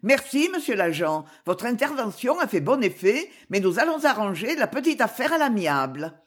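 Woman reader doing a cheerful shrewd husband, confident, jovial, lively pitch. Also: moderate pace, breathy edge.

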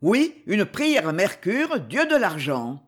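A man doing Lorenzo, a grave slow sorcerer. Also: high voice, huge pitch swings, fairly bright tone, slightly rough, exaggerated voice. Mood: solemn. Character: male sorcerer, calm and solemn. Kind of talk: audiobook reading.

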